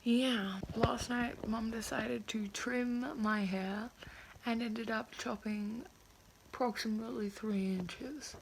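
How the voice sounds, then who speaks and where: A woman's voice: fairly high pitch, fairly even intonation, slow pace, creaky, a little hiss or hum, rough recording. A woman in her twenties talking with a sore, puffy jaw that slightly impedes her speech, in a casual, candid and hesitant video diary. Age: 20s. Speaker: vlogger.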